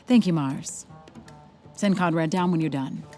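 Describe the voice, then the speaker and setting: An actress in an audio drama plays the stern, formal head of a rehab center, speaking in precise, clipped, authoritative sentences. Her voice sits low with a dark tone, unhurried, over soft background music.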